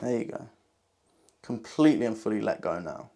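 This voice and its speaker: A man giving a hypnotic induction in a slow, soothing hypnotist voice, repeating calming phrases with pauses. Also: fairly low pitch, very noisy. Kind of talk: hypnotic induction, guided relaxation.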